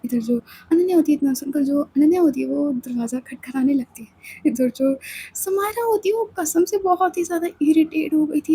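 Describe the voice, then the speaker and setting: A woman narrates a storybook romance in a chatty way and turns to address the listener now and then. Her pitch sits high, yet the tone is dark and mellow. She speaks plainly and casually. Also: low-quality recording.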